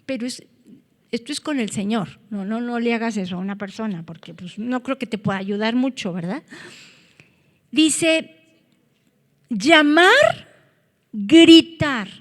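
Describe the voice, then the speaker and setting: A woman preaching a sermon, earnest, rising to loud cries when she quotes scripture. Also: on the high side, normal speed, big-room sound.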